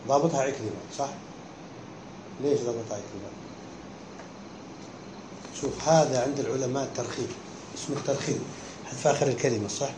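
Brisk and medium-pitched, with frequent pauses, a man teaches a class by working through a text step by step. Short check-in questions keep interrupting his explanation to test understanding, and the recording has an echoey room sound with a faint background hum.

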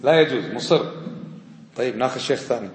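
Man teaching in echoey hall. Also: fast. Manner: quizzing, repeats questions, drops to low asides. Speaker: religious teacher. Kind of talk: classroom lesson with questions to students.

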